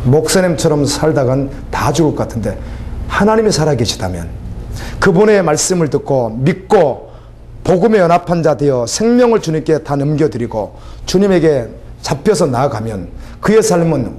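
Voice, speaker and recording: A man's voice: fairly high pitch, sing-song, normal speed, darkish tone. A middle-aged man preaching a sermon as a pastor, emphatic, with rising exclamations and rhetorical questions. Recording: faint background noise.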